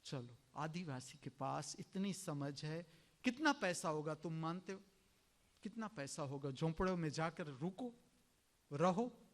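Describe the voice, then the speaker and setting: A man from India giving a sermon as a spiritual teacher, slow and emphatic, often clearing his throat. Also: on the high side, lively intonation.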